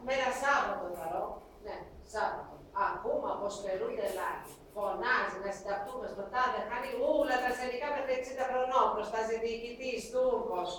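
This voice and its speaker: A woman's voice: on the high side, a bit bright, slight background noise, lightly acted. A woman playing a grieving refugee mother. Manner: halting, lamenting, clipped phrases. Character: grieving refugee mother recounting her family's persecution. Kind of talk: theatrical monologue. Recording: echoey stage hall, mic far off.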